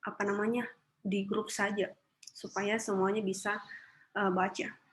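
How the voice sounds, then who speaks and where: A woman's voice: medium pitch, level tone, unhurried, poor audio. A woman from Indonesia giving a recorded online lecture to her students, talking casually with fillers and dropping in English terms.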